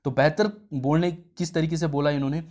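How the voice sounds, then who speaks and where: A man's voice: on the high side, steady tone, fairly quick, a little mellow. Chatty male exam tutor. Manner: chatty, explains with homely examples and asides. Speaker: exam prep teacher. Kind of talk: casual spoken lesson.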